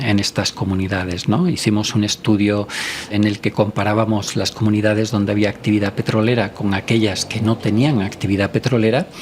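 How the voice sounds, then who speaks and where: A man's voice: on the low side, a little hiss or hum. A man in his sixties from Spain, a doctor telling his life story as a podcast guest in a reflective way, with many filler words. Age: 60s. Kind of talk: podcast interview.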